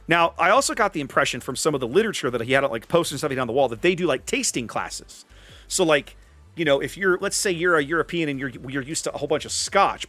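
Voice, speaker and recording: A man's voice: fairly high pitch, fairly bright tone, no room sound. A man hosting a live stream, chatting casually to viewers and telling a rambling travel story with many restarts. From United States. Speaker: streamer host.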